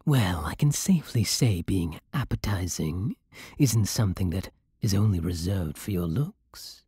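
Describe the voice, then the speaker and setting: In an ASMR roleplay, a man plays a seductive British vampire king, speaking slowly and imperiously in a low, very breathy, husky voice whose melody swoops lively. Close to a dry microphone with no room sound, his heavily acted delivery is formal, possessive and teasing. The mood is smug and low.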